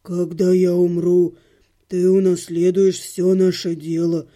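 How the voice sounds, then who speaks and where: A woman voicing a dramatic, self-pitying male half-gnome in an audiobook, moaning in a low groaning voice. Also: level tone, slow, mellow. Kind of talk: audiobook character voice.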